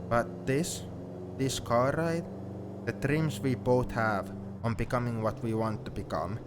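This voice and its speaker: A young adult man with a mid-range, everyday-sounding voice speaks at a measured pace in an intimate one-sided ASMR roleplay. He plays a sentimental, teasing young friend leaving for university, wistful and reflective, turning playfully defensive at times. Steady car noise runs behind him.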